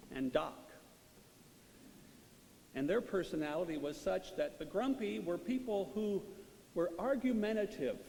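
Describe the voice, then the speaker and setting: A man speaking as a priest in a liturgical reading and homily, measured, solemn and deliberate in his phrasing. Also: high voice, gravelly, a little mellow. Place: large reverberant church. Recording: echoing church hall, long reverb, hiss.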